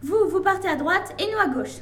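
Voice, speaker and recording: A woman's voice: very high-pitched, expressive, fairly quick, a bit bright. A woman in a comic role, giving brusque, bossy orders. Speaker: comic player, lead role. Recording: echoey room.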